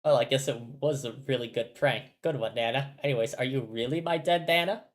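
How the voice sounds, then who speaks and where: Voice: medium pitch, fairly quick, lightly acted. A reader voicing an earnest, slightly bewildered teenage boy speaking plainly and politely. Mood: puzzled.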